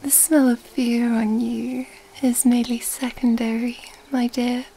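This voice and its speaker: Teasing and menacing, a woman voicing a predatory vampire noblewoman whispers in a high, breathy, soft, dark voice for an ASMR roleplay. Her delivery is very slow and level-toned, full of mysterious, old-fashioned formality. Slight background noise and a rough recording quality come through.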